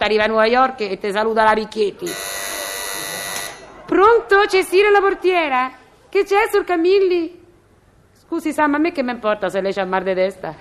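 An actress in a radio comedy playing a chatty, sarcastic middle-aged Roman doorkeeper with a Roman accent. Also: female voice, sits high, expressive, fairly quick, fairly bright tone, slight background noise. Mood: grumbling. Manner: chatty, sarcastic, mock-polite on the phone. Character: gossipy sharp-tongued Roman woman doorkeeper.

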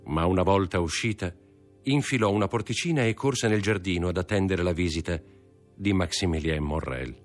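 A man with a very deep voice reads a classic novel aloud, measured and expressive. His narration moves steadily through the scenes. Faint music runs quietly behind him. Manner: measured, expressive literary reading. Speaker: audiobook narrator. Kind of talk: audiobook reading of a classic novel.

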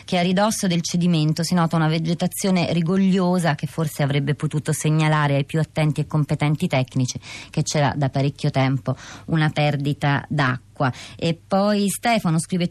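A woman's voice: sits low, darkish tone, dry recording. A woman co-hosting a radio show, reading listeners' messages aloud on air. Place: dry radio studio.

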